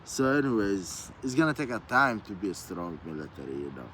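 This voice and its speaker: Rambling man from Somalia, low voice. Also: very animated, brisk, a bit bright, a little hiss or hum, rough recording. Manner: repetitive, lots of "you know what I mean". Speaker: vlogger. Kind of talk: casual rambling monologue.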